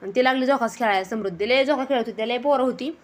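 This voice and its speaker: A woman's voice: a little high, quick pace. A young woman, casually narrating a family vlog outdoors in a garden, chatty and scolding her children now and then. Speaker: vlogger and mother.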